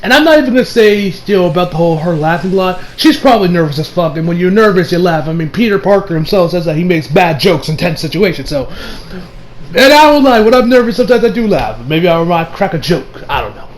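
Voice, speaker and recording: High-voiced man rambling commentary. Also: big pitch swings, quick pace, slight background noise, low-quality recording. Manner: rambling, heavy on fillers, swears casually. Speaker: online commentator. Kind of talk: casual ranting commentary.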